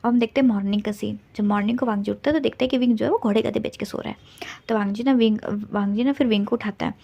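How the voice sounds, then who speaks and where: A woman's voice: fairly high pitch, steady tone, very fast, vocal fry, dark tone. A woman casually retelling a fan fiction story in a chatty way, with many restarts.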